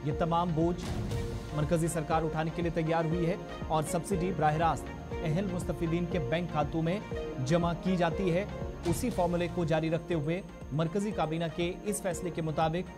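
A man reading scripted television news in a formal, Urdu-flavored register. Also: on the high side. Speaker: news anchor. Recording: studio voice-over with background music.

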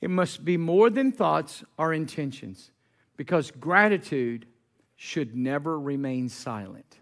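A man preaching a sermon as pastor, repeating key phrases and building to emphatic, shouted call-and-response. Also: on the high side, expressive, slow. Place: church sanctuary.

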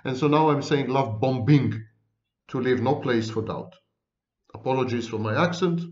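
A man with a thick foreign accent lectures on psychology, and his pitch rises and falls widely. He is emphatic and lists words one at a time with pauses between them. The sound is roomy and a little dull, like a lo-fi recording. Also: animated. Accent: foreign accent, non-native English. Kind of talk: lecture to camera.

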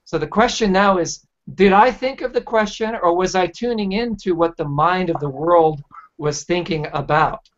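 A man's voice: high voice, moderate pace, a little hiss or hum. A man hosting a casual video-call conversation, telling stories in a rambling, enthusiastic way. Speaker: host. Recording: dull lo-fi video-call audio.

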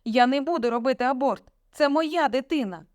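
Brief: woman doing a young storybook daughter, tearful but defiant, higher voice, dry sound. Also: a little fast, no room sound, close to an everyday voice. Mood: pleading. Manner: pleading then defiant, emotional.

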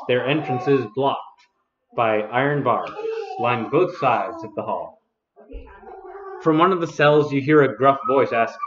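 A man narrating a tabletop game as game master, describing things deliberately, phrase by phrase. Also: medium pitch. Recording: dull, echoey video-call audio.

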